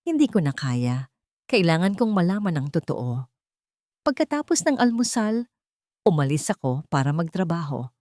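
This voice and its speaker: In a lowish voice, a woman reads a dramatic story from a script, expressive and with widely moving pitch. She speaks at a moderate pace and pauses often. The recording is close and dry, with no echo.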